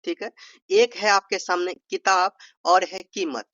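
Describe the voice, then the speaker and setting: A man's voice: high-pitched, steady tone, a little slow, sharp tone, no room sound. Bihari-accented male tutor, playful and chatty, dull lo-fi sound. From Bihar, India. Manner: playful, stretches vowels to demonstrate, addresses viewers as brother. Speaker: exam tutor. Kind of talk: informal revision lesson.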